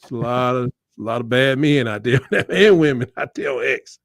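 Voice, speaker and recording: A man's voice: mid-range voice, moderate pace, no room sound, clean studio sound. A man co-hosting a casual sports debate, joking in a folksy, colloquial way. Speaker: sports show co-host.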